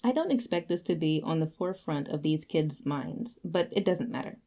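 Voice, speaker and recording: A woman with a low, mellow voice delivers sarcastic, mocking commentary as she reacts to video clips. Her tone is dry and pointed as she argues her case. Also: animated, normal speed, creaky, a little hiss or hum.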